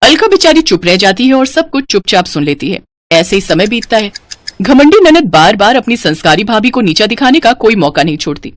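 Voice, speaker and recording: A woman narrating an animated storybook in an expressive, dramatic manner. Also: medium pitch, a little fast, no room sound.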